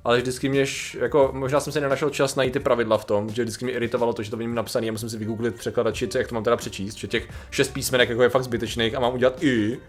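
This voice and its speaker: Muž, spolumoderátor podcastu, v neformálním rozhovoru vtipkuje a často se směje. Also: male voice, medium pitch, steady tone, hardly any pauses, soft background music. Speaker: podcast co-host. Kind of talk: casual chat.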